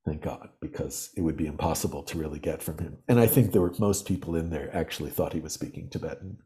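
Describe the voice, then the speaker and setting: A man in his sixties, a podcast guest, telling reflective, vivid stories at an unhurried pace with frequent pauses. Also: rumbling low, dark tone. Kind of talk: storytelling interview.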